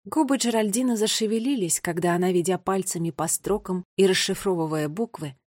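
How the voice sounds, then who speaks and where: A woman narrating a children's fantasy story in a lively, dramatic reading. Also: mid-range voice, a little fast, dry recording. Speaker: audiobook reader. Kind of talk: scripted narration.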